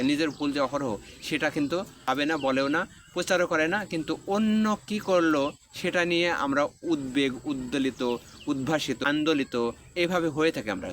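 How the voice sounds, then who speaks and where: Man, didactic lecture to camera, mid-pitched voice, slight noise behind. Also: a bit bright. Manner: didactic, lecturing, stacks repeated phrases; spells out letter sounds emphatically. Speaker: video commentator.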